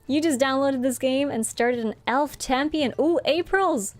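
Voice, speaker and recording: A young woman whose native language is Norwegian streams a game and chats casually with viewers, reading chat aloud, friendly and talkative and laughing often. Her voice is high-pitched and measured, recorded dry with soft music in the background.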